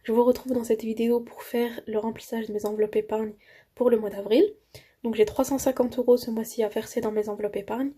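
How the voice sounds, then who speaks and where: A woman's voice: a little high, flat delivery, brisk, slightly rough. A young woman vlogging her monthly budget, chatting enthusiastically with many fillers as she fills savings envelopes. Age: young adult. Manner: counts banknotes softly under her breath. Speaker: budgeting YouTuber. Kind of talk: casual vlog narration while filling savings envelopes.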